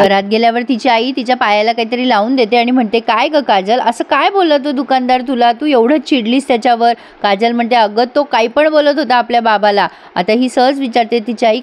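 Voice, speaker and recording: A woman narrating a recap of a TV serial episode, acting out each character's lines with lively emphasis. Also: a little high. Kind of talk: voice-over recap acting out dialogue.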